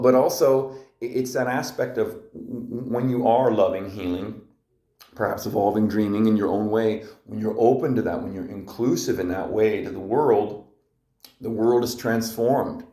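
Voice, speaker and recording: Low-voiced man rambling through a story. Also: darkish tone. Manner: rambling, earnest, reflective. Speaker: podcast host. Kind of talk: casual storytelling monologue. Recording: echoey room.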